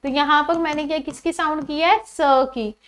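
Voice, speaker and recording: A woman teaching English pronunciation to a class. She asks questions and answers them herself, and repeats each example word slowly. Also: high-pitched, fairly even intonation, a bit bright. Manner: calls the pupils "children", says "ji" often.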